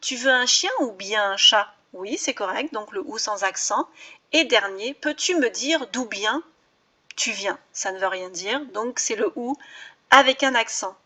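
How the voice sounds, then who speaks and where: A woman's voice: fairly high pitch, a little slow, pushed and bright. A woman teacher, giving a patient spelling lesson for her video channel and explaining each rule with examples.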